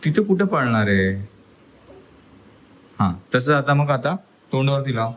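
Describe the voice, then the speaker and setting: A man speaking in a casual home vlog, a father gently coaxing and soothing his young daughter indoors. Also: medium pitch, sing-song, unhurried, dull audio, slight background noise. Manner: coaxing and soothing toward a child. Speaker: father and family vlogger.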